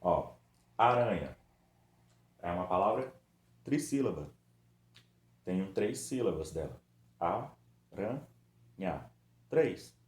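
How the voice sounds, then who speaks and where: A man's voice: low voice, big pitch swings, a little mellow. A man teaching a recorded review lesson for children, patiently stretching out words syllable by syllable. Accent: Brazilian Portuguese. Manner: patient, drawn-out syllable-by-syllable demonstration. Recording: echoey room with faint background noise.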